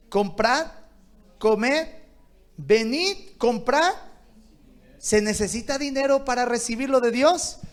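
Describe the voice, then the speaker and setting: High-voiced man preaching a sermon. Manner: swings from loud shouted exhortation to quiet low asides; calls on the congregation to answer aloud. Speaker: pastor.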